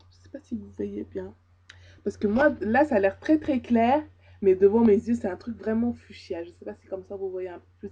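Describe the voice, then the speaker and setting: A woman's voice: mid-range voice, dark tone, husky. A young woman chatting casually to camera as a beauty vlogger, hesitant with many fillers and repeats. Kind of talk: casual makeup review. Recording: dull lo-fi camera audio.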